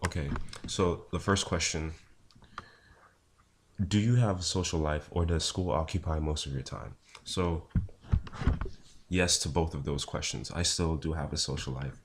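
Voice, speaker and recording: A young man talking casually to camera in a low, unhurried, low-energy voice with a husky, just-woken sound. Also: fairly even intonation, noisy background. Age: young adult. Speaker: vlogger, pre-med student. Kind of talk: casual talk to camera answering viewer questions.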